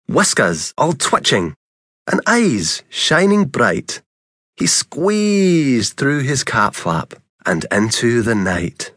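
A man narrating a children's picture-book audiobook in rhyme. His reading is unhurried, with a rhythmic, sing-song lilt that swoops up and down. The studio sound is dry and close. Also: medium pitch, fairly bright tone, no room sound.

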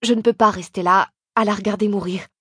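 A woman's voice: mid-range voice, steady tone, brisk, fairly bright tone, slightly rough, no room sound, studio quality. A woman reading the lines of a worn-out, guilt-ridden young man in an audiobook, with tense, apologetic pleading. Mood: weary, pleading. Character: guilty, worn-out young man leaving his sick wife.

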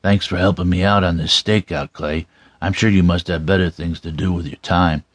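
A male narrator plays a salty police lieutenant in a crime audiobook. He talks in blunt slang, with a low voice and a dry, close sound. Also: fairly even intonation, normal speed, no echo. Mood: grateful. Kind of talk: audiobook character dialogue.

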